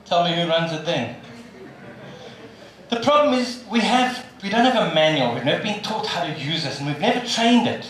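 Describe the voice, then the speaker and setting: An older man with a South African accent giving a live motivational talk, firing questions at the audience in an animated way. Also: fairly high pitch, moderate pace. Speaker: motivational speaker. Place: large hall with a live audience. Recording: echoey hall, from a distance, audience audible.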